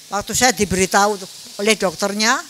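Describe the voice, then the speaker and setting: Bright-voiced woman in her seventies. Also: mid-range voice, fairly quick, a little hiss or hum. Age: 70s. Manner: chatty storytelling, mixing in Javanese words. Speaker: Dhamma speaker. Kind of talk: Buddhist Dhamma talk.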